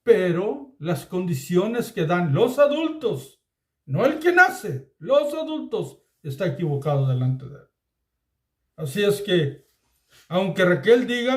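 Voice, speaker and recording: A man with a high voice teaches scripture at an unhurried pace. He talks earnestly and warmly addresses his listeners as beloved. His voice rings in a roomy, echoey space. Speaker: Bible teacher. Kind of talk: Bible study sermon.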